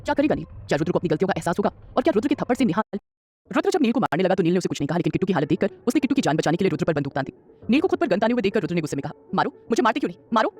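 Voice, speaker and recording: Rapid-fire male story narrator. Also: high-pitched, big pitch swings, darkish tone, soft background music. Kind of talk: dramatic audio story narration.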